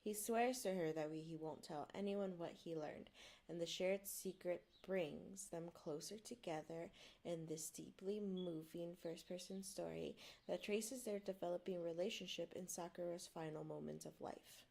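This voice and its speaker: With a fairly low, creaky, mellow voice at normal speed, this woman, not a native English speaker, chats on stream and narrates from a book. Her manner is apologetic, self-deprecating, and rambling.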